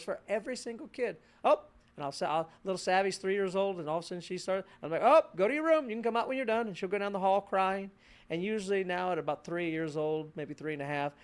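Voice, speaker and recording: A middle-aged male pastor preaching a sermon in a conversational way, acting out short voices of children and parents. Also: high voice.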